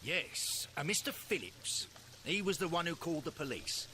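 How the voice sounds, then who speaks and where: Brief: a formal police inspector for a game, bright tone, lively delivery. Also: male voice, fairly high pitch, normal speed, a little hiss or hum. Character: police inspector reporting a murder to the detective, formal. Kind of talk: game voice acting.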